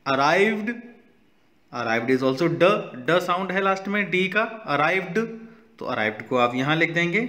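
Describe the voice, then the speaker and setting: A male teacher with an Indian accent uses a fairly high, pushed, bright voice. Working through a textbook exercise with students, he proceeds slowly, says every word aloud, and shifts between Hindi and English.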